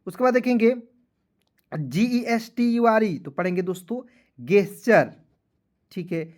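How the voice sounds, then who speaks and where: A man teaches a video lesson while tired. He spells words out one letter at a time, then pronounces them slowly. He checks in with his viewers often and speaks to them as friends. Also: high-pitched, expressive, a little mellow. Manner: keeps addressing viewers as friends, checking "clear?".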